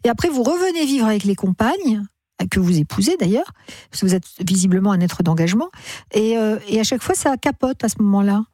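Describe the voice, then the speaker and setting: A woman hosts a late-night call-in show in a mellow, slightly husky voice. She probes gently and sums up what her caller has told her. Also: medium pitch, expressive, a little fast, no room sound, clean studio sound. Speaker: radio host.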